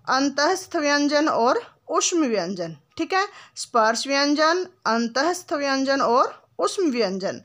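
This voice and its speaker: A woman's voice: high-pitched, a bit bright. A woman teaching Hindi grammar. She asks a question, answers it herself, adds "ठीक है" again and again, and speaks to the students affectionately as "बेटा". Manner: calls the listener "बेटा", patient and instructive; stretches sounds and examples out slowly. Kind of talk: classroom lesson explanation.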